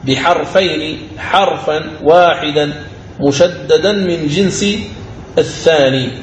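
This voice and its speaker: A male recitation teacher with a fairly high voice gives a lecture, explaining each rule and repeating key phrases. He slows into a melodic chant whenever he recites an example. The room is roomy and echoey, with a faint wash of ambient noise behind him. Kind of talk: recorded lecture on recitation rules.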